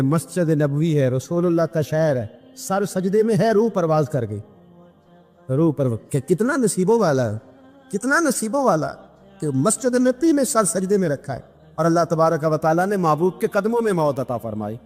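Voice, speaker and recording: A man preaching an impassioned sermon, telling stories and acting out the quoted voices with sudden leaps upward in pitch. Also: animated, dark tone, big-room sound, faint music behind. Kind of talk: Urdu sermon with storytelling.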